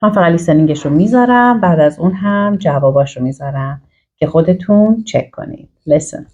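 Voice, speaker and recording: Low, husky woman teaching English. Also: lively intonation, darkish tone, lo-fi sound. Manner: explains step by step and models phrases for learners to repeat. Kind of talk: online language lesson.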